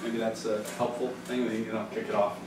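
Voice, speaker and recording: A middle-aged man moderating a student panel in a large school hall, asking loose, halting questions with restarts. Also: lowish voice, little pitch movement, over music. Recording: echoey hall, distant mic, background noise.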